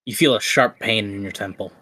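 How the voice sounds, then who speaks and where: A man's voice: on the low side, brisk, bright, forceful tone. A man running a tabletop game as game master, casual and matter-of-fact.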